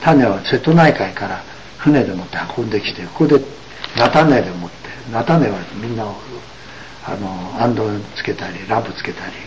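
A man giving an explanatory religious lecture, emphatic and full of drawn-out asides. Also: on the low side, highs cut off, a little hiss or hum. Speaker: religious teacher.

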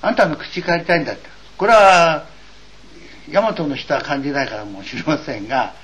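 A man's voice: fairly high pitch, normal speed, fairly bright tone. An older man from eastern Japan gives an earnest, wry and digressive doctrinal lecture as a religious teacher. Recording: dull lo-fi recording with faint hiss.

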